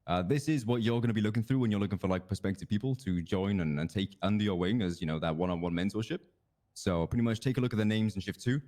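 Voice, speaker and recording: Low-pitched male, quick talker, laid-back trainer briefing colleagues in game roleplay. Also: mellow. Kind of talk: in-character roleplay chat, explaining procedures.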